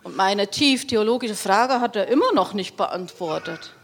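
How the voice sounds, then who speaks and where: A woman voicing bossy townspeople who hush and scold a beggar in a snooty tone. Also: on the high side, unhurried, in a large hall, slight background noise. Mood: indignant.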